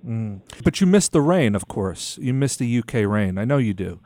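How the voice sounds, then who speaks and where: A man's voice: fairly low pitch, big pitch swings, normal speed, dark tone, no room sound. A man hosting a podcast interview, asking long, meandering questions with many restarts. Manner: rambling, searching questions with restarts. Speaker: podcast host. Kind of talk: casual interview.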